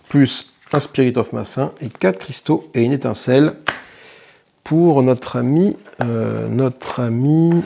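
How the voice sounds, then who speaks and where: Explaining a solo tabletop playthrough, the host of a board game channel thinks aloud casually and fixes small slips along the way. He speaks at medium pitch in a mellow voice with vocal fry.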